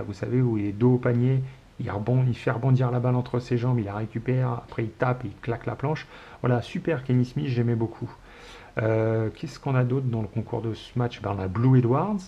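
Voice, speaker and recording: Guy from france in his 40s, gravelly lowish voice, rambly and full of euhs, dull recording w a bit of hiss. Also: dark tone. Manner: rambling, many hesitations, fond and nostalgic. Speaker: show host. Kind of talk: casual solo retro sports chat.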